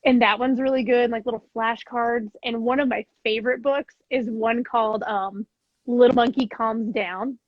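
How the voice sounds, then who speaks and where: Woman host in her thirties, chatty, bright-pitched, dry and slightly dull recording. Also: steady tone, moderate pace, dry recording. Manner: chatty, acts out storybook lines when reading. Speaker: podcast host. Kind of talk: casual interview chat.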